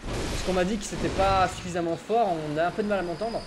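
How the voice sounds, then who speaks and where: A man's voice: sits high, fast talker, background noise. A man in his twenties giving casual, chatty gameplay commentary as a let's player, joking and laughing often. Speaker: let's play gamer. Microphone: home streaming mic setup.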